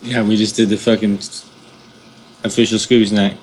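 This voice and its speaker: A man co-hosting a podcast in casual chat, joking and chiming in with quick remarks. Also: on the low side, little pitch movement, a little mellow, a little hiss or hum, poor audio. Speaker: podcast co-host.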